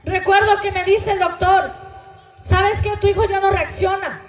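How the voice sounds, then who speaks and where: A woman's voice: very high-pitched, steady tone, moderate pace, roomy sound. A woman with a Mexican Spanish accent telling an emotional, earnest testimony to a church congregation. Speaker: testimony speaker at a church gathering. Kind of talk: spoken testimony.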